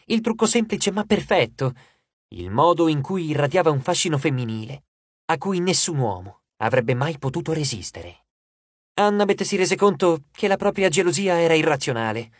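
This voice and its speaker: An audiobook narrator tells the story in a measured, expressive way, the pitch moving a lot from phrase to phrase. The voice has a husky grain and sits close to a dry studio microphone. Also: no room sound.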